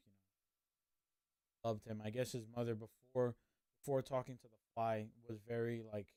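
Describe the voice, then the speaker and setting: Male streamer, mellow and dry, chatty rambling reaction commentary. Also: medium pitch, clear, resonant tone, dry recording. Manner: rambling, hedging with fillers. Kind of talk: casual commentary.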